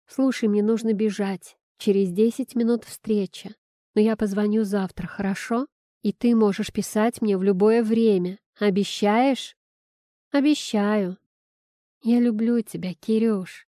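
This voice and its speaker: A woman reading the part of a loving mother who speaks gently while in a hurry. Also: mid-range voice, steady tone, no echo, studio quality, lightly acted. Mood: tender. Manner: gentle, soft-spoken, hurried. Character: loving mother on a hurried phone call.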